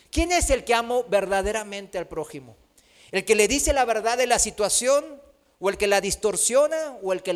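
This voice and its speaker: A man preaching a sermon, asking rhetorical questions and tagging his points with a quick "¿no?". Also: sits high. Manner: rhetorical questions with frequent tag "¿no?"; acts out quoted voices.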